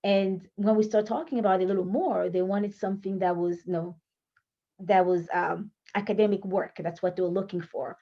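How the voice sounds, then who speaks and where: A writing coach whose first language is French speaks to camera in a casual teaching talk, chatty and self-correcting, laughing between points. Her voice is mid-range and steady, a little fast, on a muffled recording.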